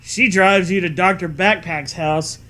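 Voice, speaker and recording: A man's voice: sits high, steady tone, unhurried, pushed and bright. A man reading a silly story aloud with sarcastic, wry asides. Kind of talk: comedic story reading with banter.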